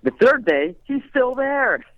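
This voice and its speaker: A man calling into a show, telling a rambling deadpan story. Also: very high voice, slow, no echo. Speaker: caller. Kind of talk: casual phone storytelling. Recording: lo-fi phone line.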